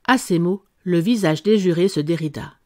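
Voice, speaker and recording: Woman narrator, audiobook storyteller, measured, expressive. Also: fairly low pitch. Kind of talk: scripted narration.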